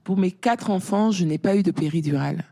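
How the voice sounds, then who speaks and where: A middle-aged woman guest talking casually in an interview, a lively storyteller whose voice rises when she quotes others. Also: lowish voice, fairly quick, vocal fry. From France.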